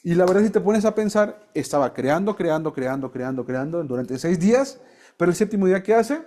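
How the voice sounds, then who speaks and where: A man teaching a Bible class, explaining slowly and quizzing his students with the odd joke. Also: high voice, sing-song, dark tone.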